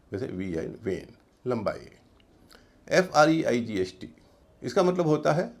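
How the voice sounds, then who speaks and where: A man teaching English pronunciation in a video lesson, spelling words out letter by letter and repeating each one in slow drills. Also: mid-range voice, creaky, a little mellow.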